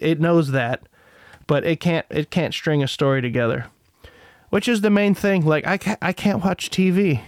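A man's voice: a little high, clean tone, no room sound, clean studio sound. A man hosting a podcast, talking in a rambling, profane, opinionated way. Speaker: podcast host. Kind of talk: casual monologue.

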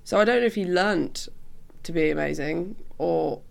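A woman's voice: on the low side, moderate pace, vocal fry, darkish tone, a little hiss or hum. A young woman from Cumbria with a British accent, chatting casually and informally as an interview guest. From Cumbria, England. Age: young adult. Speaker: musician guest.

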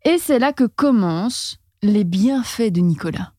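A woman's voice: mid-range voice, animated, unhurried, warm tone, dry recording, studio quality. A woman hosting a casual comic storytelling chat, talking loosely with slang and laughing as she goes. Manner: chatty, laughs while telling, slangy. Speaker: storyteller host.

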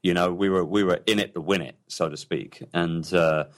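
A man's voice: sits low, fairly even intonation, normal speed. A man being interviewed about his businesses, speaking with enthusiasm and rambling through many restarts. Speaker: entrepreneur guest. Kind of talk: casual interview talk.

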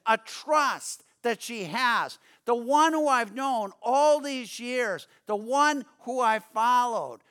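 Delivering a sermon, this man speaks smoothly and earnestly, though he frequently trips over words and repeats them. He lowers and softens his voice whenever he reads from scripture.

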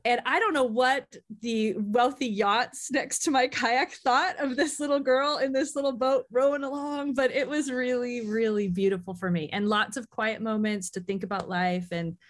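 A woman's voice: on the high side, normal speed. An American woman telling personal stories as a podcast guest in a casual, effusive way. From United States. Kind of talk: casual, chatty personal storytelling.

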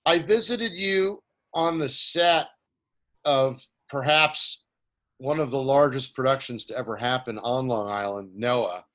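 A man's voice: medium pitch, unhurried, a bit bright. Man asking long, rambling questions. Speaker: interviewer. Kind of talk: casual interview conversation.

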